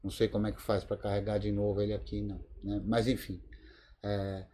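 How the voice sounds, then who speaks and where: A man's voice: lowish voice, monotone, fairly quick, mellow, a little hiss or hum. A man with a Brazilian Portuguese accent teaching a live Linux lab over a video call, thinking aloud with many fillers. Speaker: Linux course instructor. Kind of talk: live screen-share tutorial. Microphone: video call mic.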